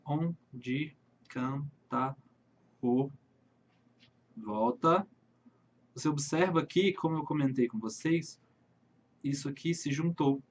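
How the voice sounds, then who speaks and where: Friendly Brazilian literature teacher. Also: male voice, fairly high pitch, lo-fi sound, a little hiss or hum. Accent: Brazilian Portuguese. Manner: friendly, addresses viewers directly, slows to read verses. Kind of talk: online video lesson.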